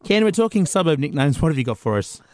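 Radio host, male, Australian, higher-pitched and animated, casual comic banter, dry studio. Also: quick pace, no echo.

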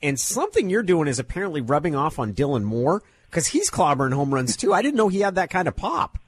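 A man interviewing a ballplayer on sports radio, asking halting, self-correcting questions. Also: on the high side, sing-song, husky, dry recording.

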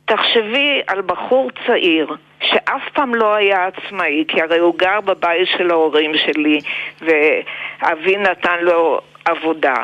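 An older woman with an Israeli accent, speaking reflectively and deliberately in an interview, with pauses and emphatic repetitions. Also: on the low side, lo-fi sound. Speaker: interviewed memoir author.

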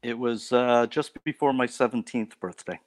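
A man from Canada, a guest on a faith talk show, telling stories about his life in a relaxed way with light laughs. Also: mid-range voice, moderate pace, no echo. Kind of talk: casual testimony interview.

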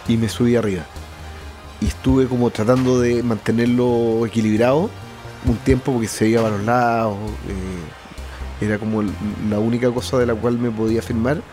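Chilean man recounting, halting phrases. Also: mid-range voice, steady tone, mellow, faint music behind. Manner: halting, restarts mid-phrase. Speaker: interviewee. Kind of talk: personal testimony.

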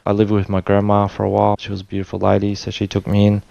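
A man in his forties with an Australian accent, a guest telling his life story in a relaxed, rambling way full of restarts. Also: fairly low pitch, fast, gravelly, no echo, lo-fi sound. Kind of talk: casual storytelling interview. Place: his home.

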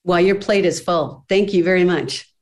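A woman's voice: on the low side, normal speed. A woman hosting a podcast, talking emphatically and rallying her listeners. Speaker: podcast host. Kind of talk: enthusiastic advocacy talk.

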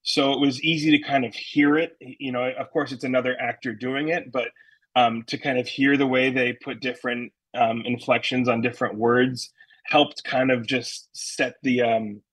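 A man with a New England accent answers interview questions about his stage work, rambling easily with many ums and restarts. His voice has a husky, slightly breathy edge, and it sounds close and dry with no room around it. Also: medium pitch, steady tone, moderate pace, fairly bright tone, dry recording, poor audio. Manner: chatty, many fillers and restarts. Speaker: stage actor, interview guest.

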